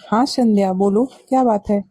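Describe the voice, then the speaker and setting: Lady doing a grumpy office husband, lower dark voice, dry and close. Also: moderate pace, husky, no echo, close to an everyday voice. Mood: brusque. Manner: brusque, impatient. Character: busy office-going husband, curt and dismissive.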